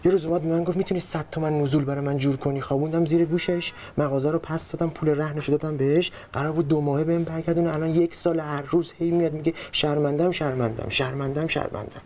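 A man's voice: fairly high pitch, steady tone, few pauses, a little mellow, slight background noise, lightly acted. An actor playing a bitter, sarcastic young husband who argues with his in-laws in a TV drama. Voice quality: sarcastic, argumentative. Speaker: son-in-law living with in-laws. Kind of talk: TV drama acting.

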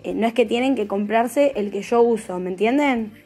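A woman's voice: on the high side, normal speed, mellow, soft background music. A young woman with an Argentine accent, teaching a live nail tutorial in a chatty way, checking in with "¿sí?" after nearly every point. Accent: Argentine Spanish. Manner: chatty, keeps asking "¿sí?".

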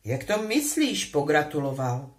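A frustrated, defensive teenage boy wizard who insists he is telling the truth, as a woman reads him aloud. The voice sits fairly low but swings widely in pitch. It sounds like a storybook character voiced by an expressive reader. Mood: insistent.

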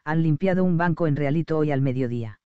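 A man voicing a gruff, hostile male garage mechanic, in a rough, curt and threatening voice, as an audiobook character. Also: a little high, fast, dry recording, narrow, tinny audio, lightly acted. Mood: surly.

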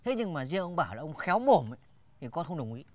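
A man's voice: fairly high pitch, big pitch swings, fast talker, darkish tone, dry recording. A man playing a cheeky young husband who works as a village crier, bantering and arguing back. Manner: bantering and argumentative. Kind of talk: sitcom acting.

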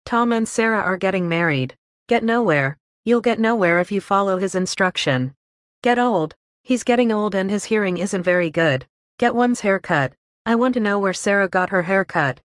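A woman slowly reading a list of English phrases, each followed by an example sentence. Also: mid-range voice, expressive, dry recording, clean studio sound. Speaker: English teacher.

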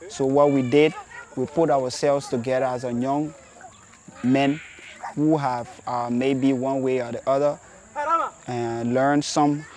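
A man from Liberia, a refugee, speaking earnestly and a little haltingly in an outdoor documentary interview. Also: mid-range voice, darkish tone. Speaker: refugee, organization member. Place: outdoors among trees.

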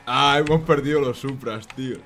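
A young man giving excitable, self-mocking commentary while playing a racing game. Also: mid-range voice, normal speed. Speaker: gaming YouTuber.

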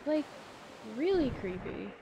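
Over background game music, a woman offers chatty, exclamatory let's play commentary and speaks directly to the game's creatures. Her high voice is sing-song and unhurried, though the audio is dull and very noisy.

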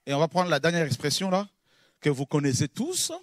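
A man preaching in French, a pastor teaching who repeats key words and swings from loud exclamations to low murmurs. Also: lively intonation, fairly quick, dry recording, studio quality. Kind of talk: sermon teaching.

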